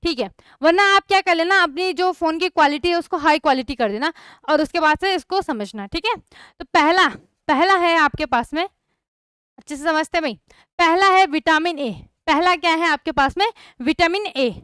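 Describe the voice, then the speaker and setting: Young woman chemistry tutor, high bright pitch, dry close sound, quizzes the class. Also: normal speed, no room sound. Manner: repeats questions to students, checks understanding often. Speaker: chemistry teacher. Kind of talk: online class lesson.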